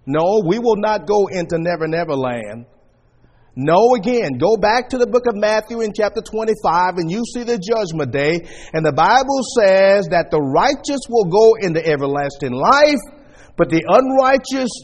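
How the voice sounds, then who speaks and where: A man preaching a sermon at a pulpit microphone, teaching in a measured way as he walks his listeners through scripture verses. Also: sits high, lively intonation, big-room sound.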